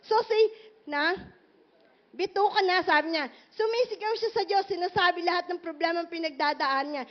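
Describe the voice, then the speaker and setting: A woman pastor preaching a sermon in an animated, emphatic way, full of rhetorical questions, in a muffled recording. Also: very high-pitched, brisk.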